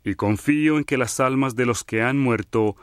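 A man giving a slow, measured and reverent scripture reading. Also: medium pitch, no room sound, studio quality. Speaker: scripture reader.

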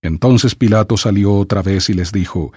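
Man, deep-ish voice, audiobook scripture reading, measured and solemn, dry recording. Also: warm tone, breathy edge, dry recording. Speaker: scripture reader.

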